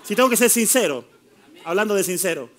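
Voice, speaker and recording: A man's voice: sits high, animated, brisk, a bit bright. A man preaching a fiery, playful sermon as pastor, mixing mockery with rising declarations. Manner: fiery, playful preaching with mocking put-on voices.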